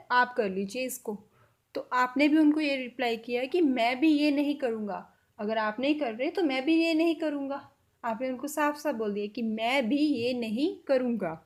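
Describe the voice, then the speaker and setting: A woman with a high voice gives a casual spoken language lesson. She repeats each example phrase slowly and deliberately, and she drops English words into her explanations. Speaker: language teacher.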